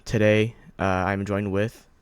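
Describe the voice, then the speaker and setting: A man's voice: fairly low pitch, little pitch movement, unhurried, clear, resonant tone, dry recording, clean studio sound. A man hosting a casual interview, asking rambling questions with lots of fillers and restarts. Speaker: host, interviewer.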